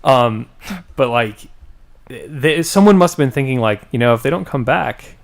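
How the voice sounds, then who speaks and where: A man co-hosting a loose gaming podcast, chatting at a middling pitch. He swears freely, laughs a lot and often trails off before finishing a thought. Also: lively intonation, normal speed, gravelly. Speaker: podcast co-host. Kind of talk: casual gaming chat.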